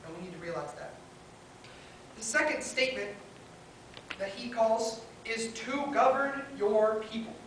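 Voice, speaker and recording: Speaking into a pulpit microphone, a woman gives an earnest sermon, unhurried and with long pauses, her points built up in short listed phrases. Her voice is a little high and a bit bright. She sounds distant in a very echoey hall, with faint hiss.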